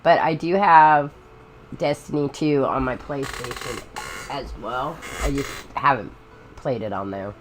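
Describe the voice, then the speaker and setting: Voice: medium pitch, a little slow, a little hiss or hum, poor audio. A gamer giving informal, rambling commentary while playing, chatting casually about games. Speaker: gamer, game streamer. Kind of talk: casual gameplay commentary and chat. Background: game music.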